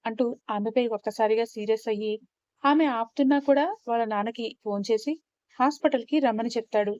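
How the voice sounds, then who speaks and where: A woman telling a dramatic story in a steady, expressive storytelling voice. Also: on the high side, brisk, no echo. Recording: slightly dull, muffled recording.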